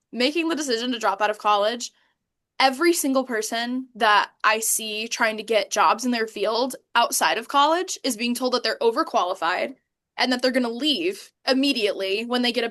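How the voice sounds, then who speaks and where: A woman's voice: fairly high pitch, brisk, fairly bright tone. A young woman co-hosting a podcast, ranting indignantly in casual chat and laughing between points. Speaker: podcast co-host.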